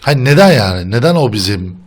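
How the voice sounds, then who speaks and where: Chatty young man with a lively voice. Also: medium pitch, fast. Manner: chatty, laughs a lot, argues playfully. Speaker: gaming channel host. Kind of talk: casual gameplay chat.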